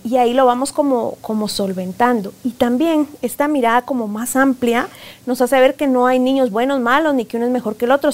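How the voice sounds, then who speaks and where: Animated high-voiced woman. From Guatemala. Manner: animated, acts out parents and children in quoted voices. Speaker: positive discipline expert guest. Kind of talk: conversational interview.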